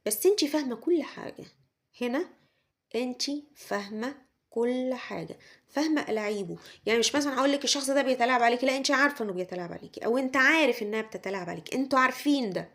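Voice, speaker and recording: A woman's voice: on the high side, rapid-fire, fairly bright tone. A woman with an Egyptian Arabic accent gives a tarot reading straight to the listener, repeating her points and acting out what others say. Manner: repetitive, speaks straight to the listener, acts out quoted lines. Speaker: tarot reader. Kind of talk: tarot reading monologue to the viewer.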